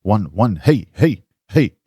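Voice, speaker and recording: Deep man, heavily compressed mic-check. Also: very animated, slow, husky, dry recording, clean studio sound. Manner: loud mic-check calls. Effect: heavily compressed vocal. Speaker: audio gear demonstrator. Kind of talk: casual mic-check tutorial.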